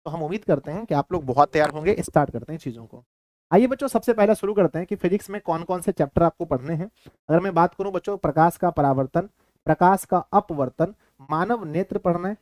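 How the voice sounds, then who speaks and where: A man's voice: a little high, darkish tone, dry recording, clean studio sound. A man with a Bihari Hindi accent teaching a class, repeating himself and quizzing his students. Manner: repetitive, keeps quizzing students. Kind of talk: classroom lecture.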